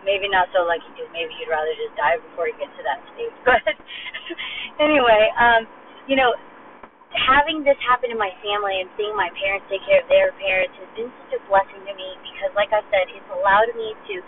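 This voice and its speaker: A woman's voice: mid-range voice, a little fast. A young woman, a new mother, speaking earnestly in a rambling personal monologue full of fillers and restarts. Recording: tinny phone-like sound, distant from mic, car noise behind.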